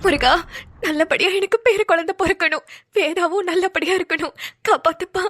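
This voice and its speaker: A woman's voice: very high-pitched, moderate pace, noisy background. A woman voicing an elderly mother in a cartoon who prays anxiously and pleads aloud. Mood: anxious prayer. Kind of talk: cartoon voice acting.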